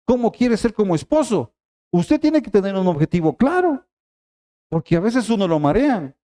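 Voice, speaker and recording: Man, sermon, warm dark tone, repeats phrases, speaks to the congregation. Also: high-pitched, very animated, normal speed. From Ecuador. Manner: emphatic, repeats key phrases, addresses congregation directly. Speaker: preacher.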